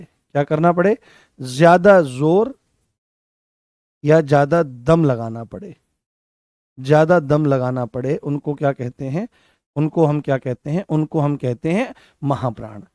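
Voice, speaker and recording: A man with a high voice teaches an exam-prep grammar class, repeating each phrase several times and throwing questions at his students. He calls them by fond nicknames. The recording is dry and close. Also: a little mellow, no echo. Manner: repetitive, drills phrases, asks the class questions, affectionate address.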